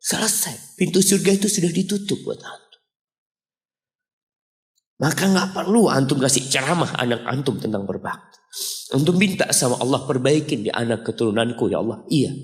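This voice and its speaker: A middle-aged man preaching a sermon, telling a story to his congregation and acting out the voices in it with sudden high-pitched lines. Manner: addresses the congregation directly. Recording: long hall reverb.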